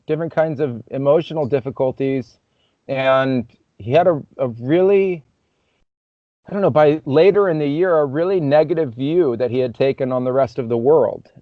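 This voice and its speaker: Speaking with a mid-range voice, this male podcast guest spins a conversational story, reflective and loose, peppered with "you know." There's no echo, but the recording comes across a bit muffled and dull.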